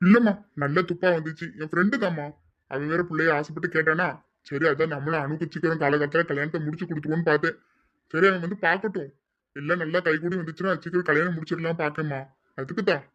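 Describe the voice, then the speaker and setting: A man voicing an earnest, worried middle-aged father who speaks quietly. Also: fairly high pitch, steady tone, fast talker, lo-fi sound, close to an everyday voice. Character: middle-aged father, worried and set on marrying off his daughter. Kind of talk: hobby audio drama.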